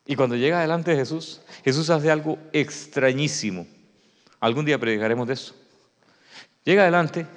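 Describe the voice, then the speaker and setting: A man preaching a sermon, acting out the story and swinging from shouts to hushed tones. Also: on the high side, moderate pace. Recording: long reverb of a hall.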